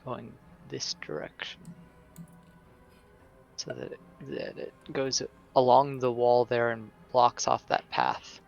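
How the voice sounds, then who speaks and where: A man playing a tabletop game, describing his spell in a casual, halting way. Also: mid-range voice, fairly even intonation, vocal fry, darkish tone, faint music behind. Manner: casual, hesitant with fillers. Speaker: player. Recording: dull, muffled mic.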